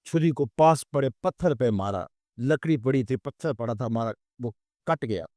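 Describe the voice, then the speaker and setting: A man preaching an impassioned storytelling sermon, swelling and dropping dramatically and chanting verses slowly. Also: mid-range voice, warm tone, dry recording, clean studio sound. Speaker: Islamic preacher.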